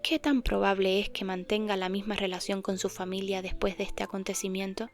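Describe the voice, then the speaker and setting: A woman voicing a mysterious phone caller who asks calm, polite survey questions in a hushed, half-whispered voice. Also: mid-range voice, a little fast, soft background music, natural voice. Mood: eerily polite.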